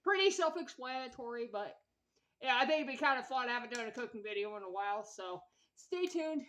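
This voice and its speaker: A woman's voice: a little high, lively intonation, fairly quick, a bit bright, poor audio. Chatty woman vlogging her home cooking. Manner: chatty, rambling, laughs often between remarks. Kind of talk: casual cooking vlog. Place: home kitchen.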